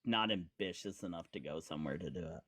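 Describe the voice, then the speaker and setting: This man's voice is low and quick, with a fairly bright tone. He's a podcast host in his forties from Indiana, running a casual live-stream talk show where he rambles, drops lots of fillers, and tosses in teasing remarks.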